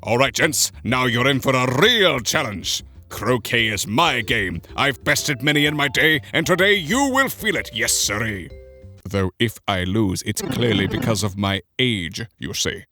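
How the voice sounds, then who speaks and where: Toadsworth, bright pompous old steward. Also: male voice, medium pitch, expressive, unhurried, faint music behind. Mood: boastful. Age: older. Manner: pompous, old-fashioned formal phrasing. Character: fussy, pompous elderly male royal steward, competitive. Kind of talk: cartoon voice acting in a comic dub.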